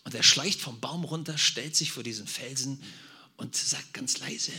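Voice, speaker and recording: A man's voice: mid-range voice, normal speed, bright, forceful tone, husky. A man preaching and praying, talking directly and conversationally to his congregation. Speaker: pastor. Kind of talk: sermon.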